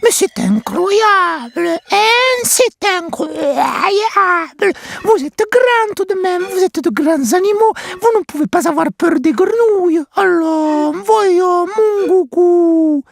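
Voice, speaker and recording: A woman's voice: extremely high pitch, expressive, slow pace, vocal fry, hardly any pauses, exaggerated voice. A woman voicing a small, cheerful female frog who teases and coaxes, tagging questions onto her lines. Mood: soothing. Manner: teasing, ends lines with a questioning "hein". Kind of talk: storybook acting over music.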